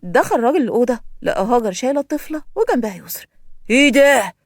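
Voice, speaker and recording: A woman storyteller who voices all the characters herself. Her voice is high and quick, and the sound is close and dry. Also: big pitch swings, darkish tone, no echo. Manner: acts out every character herself. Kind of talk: scripted narration of a spoken story.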